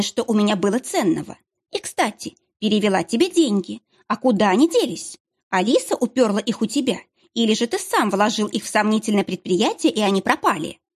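A woman voicing a sharp-tongued, mocking young heroine with biting, sarcastic retorts. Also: mid-range voice, breathy edge.

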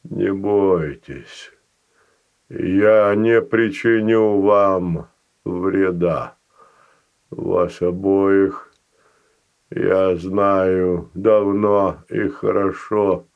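A man voicing an ancient, gentle male ice golem who speaks faintly, slowly and haltingly, in a storybook reading. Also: low-pitched, fairly even intonation, creaky, lo-fi sound, full character voice. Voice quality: faint rustling voice. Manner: slow, halting, pauses between words.

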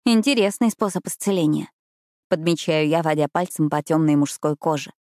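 A woman reading a first-person romance audiobook in an intimate, expressive narrating manner. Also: low voice, moderate pace, dry recording, clean studio sound.

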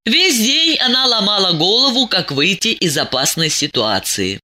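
A woman narrating an audiobook with expressive, lively storytelling. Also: mid-range voice, moderate pace.

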